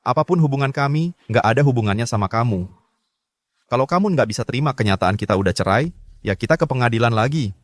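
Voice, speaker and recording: A man plays a stern ex-husband who talks fast and curtly. The dub is dry and close. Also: mid-range voice, expressive, no room sound, close to an everyday voice. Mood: cold. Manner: curt and stern, softer with his lover. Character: cold ex-husband, firm with his ex-wife. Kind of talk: Indonesian drama dub.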